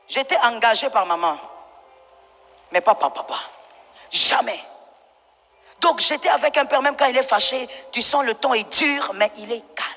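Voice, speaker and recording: A woman preacher telling a story in her sermon, pausing for an interpreter, animated and now and then shouting. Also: fairly high pitch, big-room sound.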